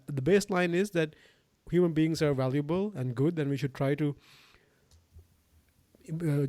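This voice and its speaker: A man's voice: fairly high pitch, dark tone, no room sound, clean studio sound. A young man from Sri Lanka hosting a podcast, talking casually in long rambling sentences full of fillers and restarts. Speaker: podcast host. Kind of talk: casual interview conversation.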